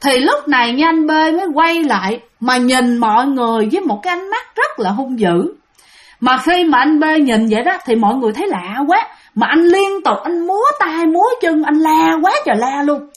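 A woman's voice: high-pitched, expressive, moderate pace. A woman telling a ghost story in a chatty way, often speaking directly to her listeners. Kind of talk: spoken ghost-story narration.

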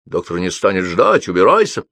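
A man's voice: sits low, wildly swooping pitch, brisk, a bit bright, no echo, studio quality, exaggerated voice. A man playing a menacing bearded stranger. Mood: angry. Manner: angry, barking.

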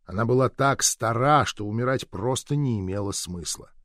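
A man doing a measured, sardonic scripted narration of an audiobook. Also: medium pitch, fairly bright tone, dry recording, clean studio sound.

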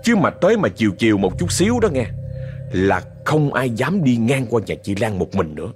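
A man with a Southern Vietnamese accent spins a ghost story, chatty and dramatic, his pitch swinging up and down as he talks straight to his listeners. Soft music plays underneath him. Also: big pitch swings, moderate pace. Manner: chatty, dramatic, addresses the audience often.

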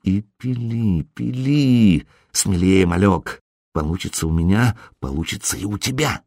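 A tense male bounty hunter hisses urgent commands under his breath, low and hushed, as a man reads him out in a storybook. The voice is husky and close to the mic in a dry space. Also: animated, unhurried, no echo. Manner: hissing through barely moving lips.

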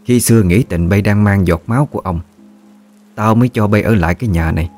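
A man's voice: lowish voice, fairly quick, a little mellow, faint music behind, natural voice. A man voicing a domineering wealthy senior wife who mocks and gives orders. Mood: scornful. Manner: mocking, commanding.

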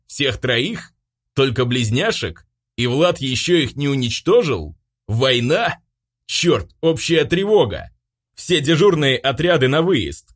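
A man voicing a gruff chief of the secret police who barks out loud orders. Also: mid-range voice, voice pushed up.

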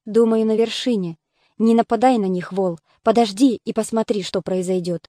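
A woman reading the lines of a calm, commanding young male hero in an audiobook. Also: medium pitch, moderate pace, no room sound, clean studio sound, lightly acted. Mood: firm.

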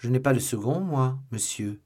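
A man voicing a bold, courteous young swordsman in an audiobook, speaking earnestly and a little louder than his narration. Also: medium pitch, lively intonation, moderate pace, husky, pitched above the performer's own voice. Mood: earnest, polite.

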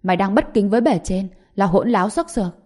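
Brief: a woman voicing a blustering older relative, quick to scold, warm low voice. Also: lively intonation, close to an everyday voice. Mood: indignant. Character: older male clan relative, blustering and indignant.

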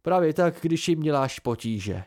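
A man's voice: a little high, sing-song, a little mellow, pitched above the performer's own voice. A man reading an amateur audiobook, voicing a dry-witted seasoned man who lectures his younger friends wryly. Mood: lecturing.

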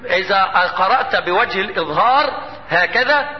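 A high-pitched man with an Egyptian accent teaches Quran recitation, firing quick questions at his students and slowing into melodic chant for each example verse. The recording is dull and lo-fi, with a long echo from a lecture hall. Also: lively intonation.

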